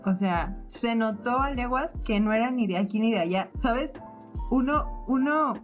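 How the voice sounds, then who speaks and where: A woman's voice: a little high, normal speed, muffled recording, faint music behind. A young woman with a Mexican accent, co-hosting a casual chat podcast, telling stories and acting out what people said. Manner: storytelling, animated, acts out quoted lines. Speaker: podcast co-host.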